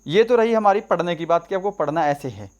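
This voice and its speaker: A man's voice: high voice, expressive, fairly quick, a little mellow, muffled recording. A young man teaching a study-strategy lesson, talking directly to viewers and often checking in with rhetorical questions. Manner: direct, coaxing, addresses viewers as brother. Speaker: exam prep teacher.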